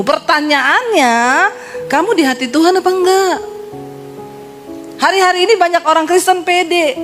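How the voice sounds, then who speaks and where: A woman pastor delivers a sermon in a chatty, humorous way, slipping into the voices of people from her stories. Her voice sits high. Instrumental music plays clearly beneath her words. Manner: humorous, conversational, acts out dialogue. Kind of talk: sermon with storytelling.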